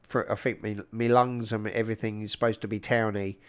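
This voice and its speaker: A man's voice: fairly low pitch, flat delivery, a little fast, clean tone. Casual South London man chatting on a livestream. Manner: informal and matey, calling people "mate". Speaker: livestream host. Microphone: large microphone up close.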